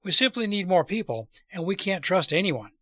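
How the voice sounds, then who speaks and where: An earnest male revolutionary read by a man lays things out deliberately. The voice is bright and a little high for a man. It is a storybook character, recorded very dry. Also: very animated, no echo, full character voice. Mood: persuasive. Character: earnest male revolutionary plotter persuading wary allies.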